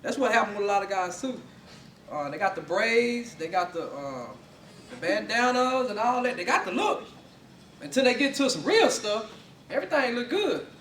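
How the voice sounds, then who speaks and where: Animated young man telling a story. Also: high voice, normal speed, distant mic, slight background noise. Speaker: student speaker. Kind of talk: personal story speech. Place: classroom. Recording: echoey room, mic from afar.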